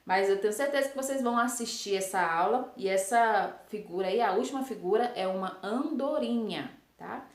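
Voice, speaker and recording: A woman's voice: mid-range voice, normal speed, few pauses. A primary school teacher, a woman, patiently explaining a worksheet in a recorded class, checking in often with short tag questions. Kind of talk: recorded remote class lesson. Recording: echoey room.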